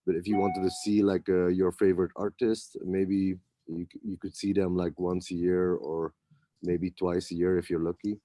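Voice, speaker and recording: Low, dark-voiced man in a hesitant interview. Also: level tone, moderate pace, dry recording. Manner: hesitant, many fillers and restarts. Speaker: club promoter, interview guest. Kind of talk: casual interview talk.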